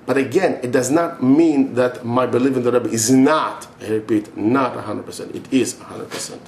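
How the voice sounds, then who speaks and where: A man's voice: mid-range voice, normal speed, gravelly, a little mellow. A middle-aged man speaking as a religious teacher in an impassioned monologue, emphatic and insistent, often repeating himself. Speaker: religious teacher answering a question. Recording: echoey room with faint noise.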